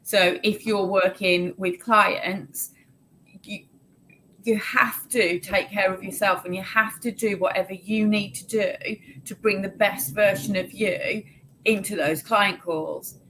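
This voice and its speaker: Woman host, middle pitch, steady advice-giving tone, slight hiss behind. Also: takes it slowly, rough recording. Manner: earnest, practical, advice-giving. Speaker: podcast host. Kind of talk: casual conversational interview.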